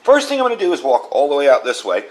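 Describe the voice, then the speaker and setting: A man hosts his channel's casual, hands-on product review in a fairly high voice, talking rapid-fire with huge pitch swings. He is folksy and plain-spoken and repeats himself for emphasis.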